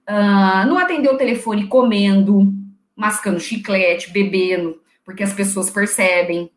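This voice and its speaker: A woman trainer who talks loudly and teaches office phone manners, acting out short phone exchanges as she goes. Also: medium pitch, unhurried, roomy sound. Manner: loud, didactic, acts out phone dialogue. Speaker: secretarial trainer. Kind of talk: instructional interview answers.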